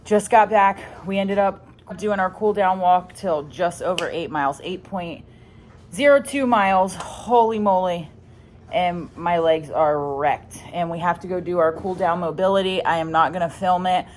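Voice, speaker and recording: A woman's voice: lowish voice, moderate pace, a little hiss or hum. A woman chatting casually to her vlog viewers. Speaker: vlogger.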